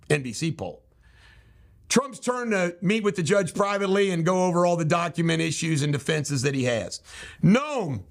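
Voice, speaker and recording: A man's voice: high voice, vocal fry. A man hosting his own show, delivering a blunt, emphatic and scornful political commentary monologue. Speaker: host.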